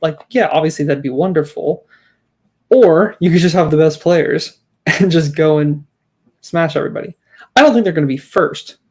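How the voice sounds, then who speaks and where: A man's voice: fairly high pitch, moderate pace, darkish tone. A man co-hosting a sports podcast in casual chat, emphatic as he argues his points, with frequent restarts. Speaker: podcast co-host.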